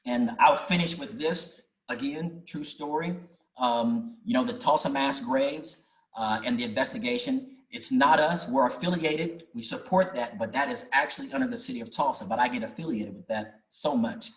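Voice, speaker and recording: A man's voice: mid-range voice, moderate pace. Earnest man telling a story. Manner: earnest, folksy, with many restarts. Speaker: speaker at an online community meeting. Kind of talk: storytelling presentation. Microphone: video call mic. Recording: echoey room.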